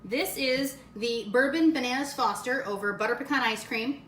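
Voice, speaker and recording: A woman's voice: on the high side, moderate pace, fairly bright tone, reverberant, a little hiss or hum, poor audio. A woman hosting a casual cooking demo in her home kitchen, gushing over the food as she cooks and tastes it. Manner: gushing, enthusiastic food descriptions. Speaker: cooking show host.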